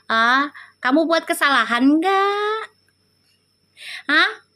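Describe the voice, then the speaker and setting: High-voiced chatty tarot reader. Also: female voice, animated, very slow, bright, forceful tone. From Indonesia. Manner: chatty, teasing, affectionate, laughs often. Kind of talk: casual livestream chat with viewers.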